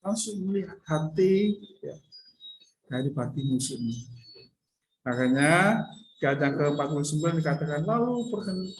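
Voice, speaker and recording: A woman's voice: sits low, animated, moderate pace, pauses often, roomy sound, slight background noise, rough recording. A woman teacher telling a Bible story to a class of children, stopping often to check that they follow. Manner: retells the story and acts out the crowd's voices. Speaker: religion teacher.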